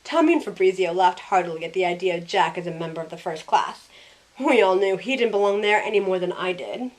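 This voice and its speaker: A young woman narrates a story in the first person as its lead character, a sassy, loyal modern heroine, mixing in in-character dialogue with a wry, conversational touch. Her voice is lowish, a little fast, with lively intonation and light acting, captured in a low-quality recording.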